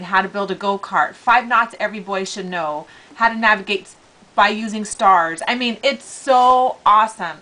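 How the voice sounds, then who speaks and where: A middle-aged woman chatting casually to camera as a vlogger, with an animated, gushing, informal way of talking. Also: mid-range voice, poor audio. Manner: animated, gushing enthusiasm, informal slangy wording. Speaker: vlogger hosting a giveaway.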